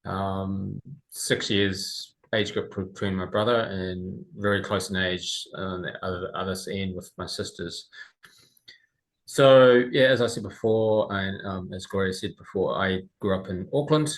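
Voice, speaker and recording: A man in his forties with a New Zealand accent, telling his story as an interview guest, halting and full of pauses. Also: low-pitched, poor audio. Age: 40s. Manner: halting, with many pauses and fillers. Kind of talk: remote interview.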